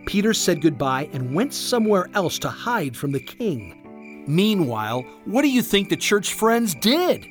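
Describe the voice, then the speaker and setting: A storyteller reading a Bible story aloud for children in an expressive, animated way. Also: mid-range voice, unhurried, faint music behind.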